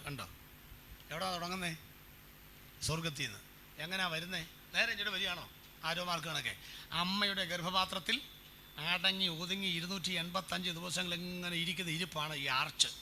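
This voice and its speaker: A pastor preaching in a church, his voice high and cutting. He talks in an animated way and keeps putting questions to the congregation. Faint noise sits behind him. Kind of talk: sermon.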